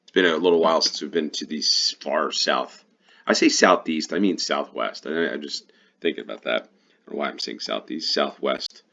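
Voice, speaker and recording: An American man talks through a geography game in a relaxed, thinking-aloud way, often correcting himself. His voice sits extremely low with a gravelly fry. It comes through a slightly dull, lo-fi mic. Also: normal speed. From United States. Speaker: GeoGuessr player and host. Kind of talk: casual gameplay commentary.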